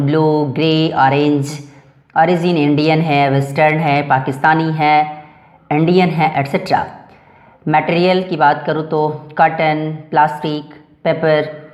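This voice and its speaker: A male teacher taking a class through a grammar lesson in a patient, methodical way. He repeats the same linking phrases as he moves through each item on a list. When he reads out an English example sentence, he slows down and gives each word its own weight. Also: fairly high pitch, darkish tone. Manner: drills through lists with repeated "after that".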